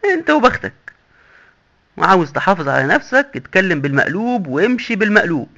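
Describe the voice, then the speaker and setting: A man's voice: high voice, very animated, fast talker, sharp tone, voice pushed up, exaggerated voice. A man doing a glib, mocking doctor from hell. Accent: Egyptian Arabic. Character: boastful sly male doctor in hell, cheerfully murderous. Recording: dull lo-fi recording.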